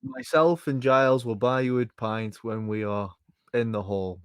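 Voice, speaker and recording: A man's voice: mid-range voice, fairly even intonation, unhurried, clear, resonant tone, no echo, clean studio sound. A man playing a tabletop game, talking casually with a playful, sarcastic edge. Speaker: player.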